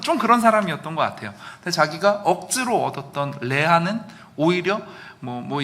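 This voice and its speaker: A male pastor delivers a sermon in a church with a bright, forceful tone. His voice sits fairly high and moves through a wide, lively range. He sometimes breaks into loud outbursts to act out quoted lines. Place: church sanctuary.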